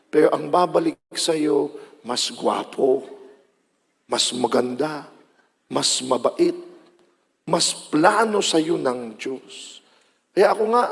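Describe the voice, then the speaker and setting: A high-voiced man with a Filipino accent preaches a sermon in a lively, dramatic way, swinging from loud cries to hushed lines. His voice rings out with a long reverb, as in a large hall.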